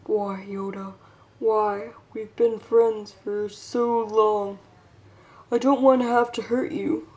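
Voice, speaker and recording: A woman's voice: mid-range voice, fairly even intonation, slow pace, darkish tone, close to an everyday voice. A woman voicing an earnest toy action-figure friend with plain delivery in an amateur puppet skit. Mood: pleading.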